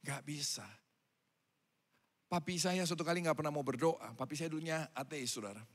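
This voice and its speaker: A pastor preaching a sermon to his congregation, swinging between loud calls and quiet asides. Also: on the high side, moderate pace. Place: church hall. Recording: hall reverb.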